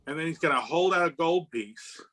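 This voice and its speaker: A man's voice: a little high, lively intonation, a little fast, fairly bright tone, low-quality recording. A man as a player in a tabletop role-playing game, hesitant and stammering. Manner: hesitant, stammering in-character speech.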